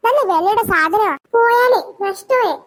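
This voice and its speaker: A woman's voice: extremely high pitch, unhurried. A woman voicing a scornful, money-minded rich woman in a cartoon. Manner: haughty, scornful, threatening. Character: arrogant rich woman who cares only about money. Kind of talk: cartoon voice acting.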